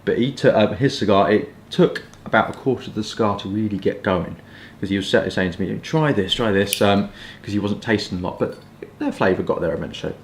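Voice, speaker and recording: Fairly quick and with few pauses, this low-voiced southern English man in his twenties chats about pipes and cigars for his review vlog. He meanders through hedging asides indoors, in a small furnished home room that gives an echoey sound with some background noise.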